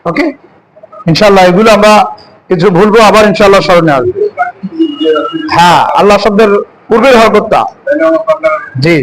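High-voiced man teaching letters. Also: a loud crowd, poor audio. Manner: asks questions and answers them, drawn-out recitation. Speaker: Quran reading teacher. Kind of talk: classroom lesson on Arabic letters.

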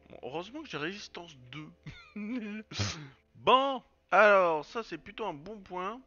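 Chatty gamer, bright lively voice. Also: male voice, high voice, normal speed, highs cut off, faint music behind. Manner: chatty, swears, muses aloud while playing. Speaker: let's play gamer. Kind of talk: casual game commentary.

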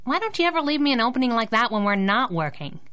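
Kit Baxter, bright, sassy girl sidekick. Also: fairly high pitch, big pitch swings, quick pace. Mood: wry, playful. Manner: teasing, sassy banter. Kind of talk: 1930s-style radio adventure acting.

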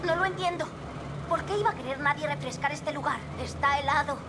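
Actress doing scared young woman in a horror game, real high voice, breathless, noisy ambience behind. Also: fairly quick, natural voice. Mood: uneasy. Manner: breathless, panicky pleading. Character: terrified, distraught young woman trapped by a killer. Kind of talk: video game horror drama dub.

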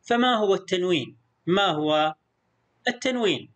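Patient and animated, a male primary school teacher with a high, fairly bright voice leads a recorded lesson. He slowly repeats sounds and gives the pupils plenty of praise.

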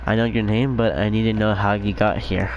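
Low-voiced man bantering over a video game. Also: level tone, fairly quick, a little mellow, slight background noise, poor audio. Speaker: online video game player. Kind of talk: improvised role-play banter during gameplay.

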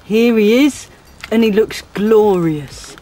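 A woman's voice: medium pitch, slow, background noise. Thirties woman vlogging in her garden; chatty, squeamish, laughs at herself. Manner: chatty, squeamish and self-amused. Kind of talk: casual to-camera vlog. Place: back garden outdoors.

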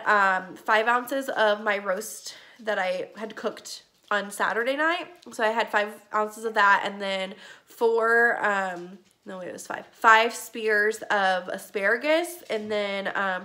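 Young woman, bright voice, stuffy nose from a cold, rambling casual vlog, lots of ums, phone in home kitchen. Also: mid-range voice, measured pace. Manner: chatty, rambling with many ums. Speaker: vlogger.

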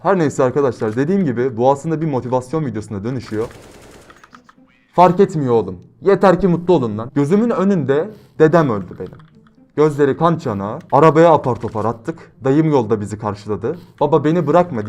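A young man commentating his gameplay, brash and slangy, switching between loud outbursts and quiet, reflective motivational talk. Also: mid-range voice. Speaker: gaming YouTuber.

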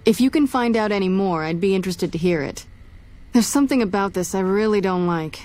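A woman's voice: medium pitch, lively intonation, fairly quick, a little mellow, close to an everyday voice. An actress playing a no-nonsense female military police officer in a video game, wry and matter-of-fact.

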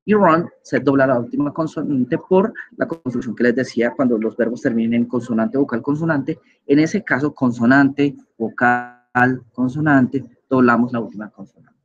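A man's voice: medium pitch, normal speed, dull audio. A man giving an online grammar lecture as a teacher, patient and explanatory, often checking in with his listeners. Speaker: English teacher.

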